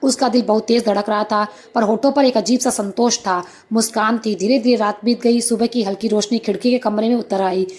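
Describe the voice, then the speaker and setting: A woman storyteller narrates a moral story from a script. Her delivery is steady and dramatic, with a voice pitched a little high.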